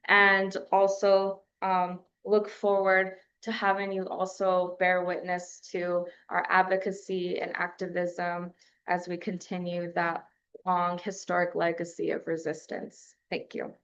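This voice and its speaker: A woman from New Mexico speaking at a press conference, measured and pausing often on fillers. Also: on the low side, monotone, a bit bright, lo-fi sound, a little hiss or hum. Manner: measured, with frequent filler pauses.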